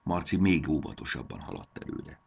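A man reading a children's adventure story aloud in an expressive way. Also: extremely low pitch, creaky, breathy edge.

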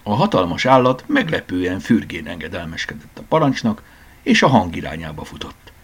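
Low, lively husky male storyteller. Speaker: audiobook narrator. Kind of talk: storybook narration.

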